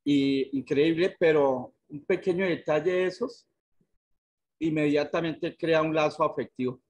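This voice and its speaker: A husky middle-aged man from Colombia speaks frankly and earnestly about his past, his voice set a little higher than most men's. He is heard over a webcam on a video call from an indoor room. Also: unhurried, darkish tone. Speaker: director of a therapeutic community.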